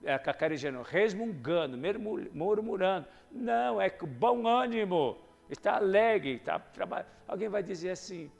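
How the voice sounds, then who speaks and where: A man preaching a sermon in a conversational way, moving between soft asides and loud exhortation. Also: high voice, expressive, moderate pace, vocal fry, hardly any pauses.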